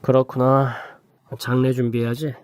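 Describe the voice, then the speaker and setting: A cold husband speaks flatly and dismissively. A narrator does him for a narrated story. The voice is dry and close. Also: male voice, medium pitch, normal speed, no room sound, close to an everyday voice. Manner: flat, dismissive. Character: cold, callous husband in his thirties.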